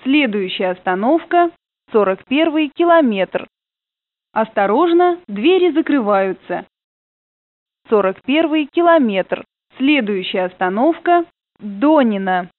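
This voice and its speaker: A woman calls out train stops over the intercom, slowly and formally, with a lively rise and fall in her voice. The sound is tinny and narrow, like a phone line, and dry, with no room echo. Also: a little high. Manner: formal, measured announcing. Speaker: train announcer. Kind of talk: recorded stop announcements.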